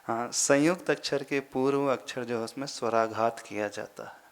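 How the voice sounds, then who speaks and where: A man, a monk teaching Sanskrit verse pronunciation, patiently repeating syllables slowly and deliberately. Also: mid-range voice. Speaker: Jain monk teaching scripture recitation. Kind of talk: slow explanatory lesson on Sanskrit pronunciation.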